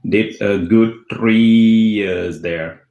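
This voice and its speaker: A man from Senegal, a company CEO, answering interview questions in a relaxed, halting way with many fillers. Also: on the low side, reverberant, dull audio.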